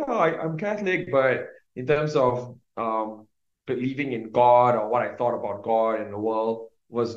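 A young man, telling his faith story as a podcast guest in a rambling way, with many fillers, restarts and small laughs. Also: medium pitch. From Singapore. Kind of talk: casual testimony. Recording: roomy, dull lo-fi sound.

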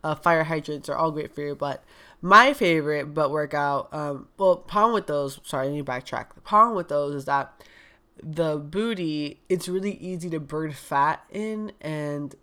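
With a deep, slightly bright voice, a young wellness coach talks in a chatty, candid way on a casual podcast. She sounds congested, and "like" and "um" come up constantly.

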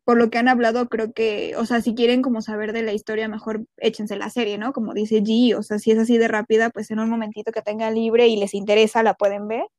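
A woman's voice: on the high side, flat delivery, fairly quick, hardly any pauses, a little mellow, no echo. Woman co-host, blunt reviewer, dry sound. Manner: frank, critical. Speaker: podcast co-host. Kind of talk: casual review chat.

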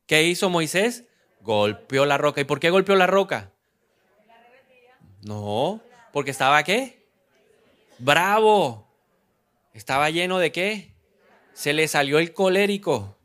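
Brief: male pastor, slightly high voice, preaching with questions to the congregation, sudden loud bursts when quoting. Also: very animated, slow, pauses often. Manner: asks the congregation questions and answers them himself; acts out quoted lines with sudden loud outbursts. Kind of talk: sermon.

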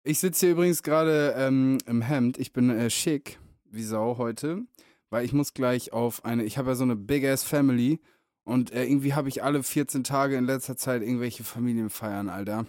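Junger Mann, Podcast-Host, derb und salopp, trocken aufgenommen. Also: male voice, medium pitch, normal speed, a little mellow, no room sound, clean studio sound. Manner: slangy, crude, joking. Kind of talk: casual chat.

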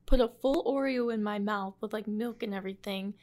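A woman's voice: mid-range voice, a little fast, a little mellow. Giggly young woman podcast co-host. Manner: giggly, swears casually. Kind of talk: casual chat.

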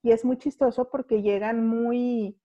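A Mexican woman from Guadalajara hosting a casual podcast conversation, chatty and quick to laugh. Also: on the high side, steady tone, mellow, lo-fi sound. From Guadalajara, Jalisco, Mexico. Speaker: podcast host.

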